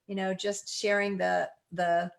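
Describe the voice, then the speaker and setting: A woman's voice: medium pitch, little pitch movement, unhurried, vocal fry. A woman moderating a candidate forum over a video call, friendly and informal.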